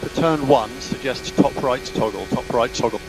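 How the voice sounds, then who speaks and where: A man's voice: medium pitch, moderate pace, noisy background. Guy race engineer on team radio, clipped terse calls, repeats stuff, engine roar behind. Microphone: radio headset.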